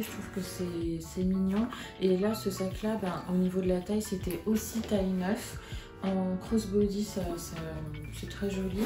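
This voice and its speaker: A young woman casually chatting in a vlog, showing purchases and unboxing a bag, hesitant and full of fillers. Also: mid-range voice. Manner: chatty and hesitant, with many fillers and little interjections. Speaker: vlogger. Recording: roomy sound with music behind.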